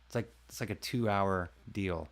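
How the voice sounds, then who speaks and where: Low-voiced man chatting casually on a livestream. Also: normal speed. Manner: rambling, chatty, talks to viewers by name. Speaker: livestream host and voice actor. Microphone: close desk mic.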